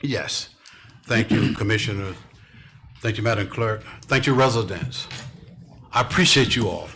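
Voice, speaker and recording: A man's voice: fairly low pitch, expressive, moderate pace, bright, forceful tone. A man chairing a city commission meeting as mayor, emotional and tearful, often repeating his words. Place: council chamber.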